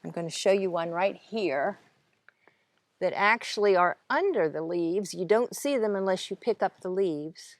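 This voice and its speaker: Speaking at a measured pace in a fairly low voice, a Kentucky woman leads a casual, instructive tour of her home garden outdoors, naming plants in plain language. The recording is dry, though faint outdoor ambient noise sits behind her voice.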